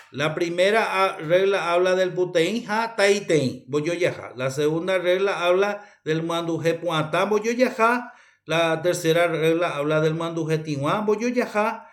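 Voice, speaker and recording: A man with a Paraguayan accent teaching a university class at a slow, deliberate pace. His voice sits a little high, and he repeats each key term and fills pauses with "eh.". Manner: methodical, repeats key terms, frequent "eh" fillers. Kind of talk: recorded lecture.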